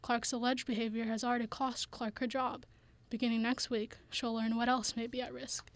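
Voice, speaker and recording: A woman's voice: on the high side, flat delivery, moderate pace, no room sound. A woman narrating a scripted television news report as the reporter.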